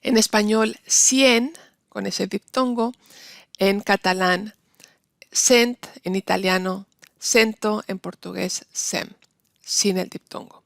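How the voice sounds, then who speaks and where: Woman lecturing, gravelly and dry. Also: mid-range voice, steady tone, dry recording. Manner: explanatory, slow careful stress on example words. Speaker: Spanish linguistics instructor. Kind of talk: university lecture.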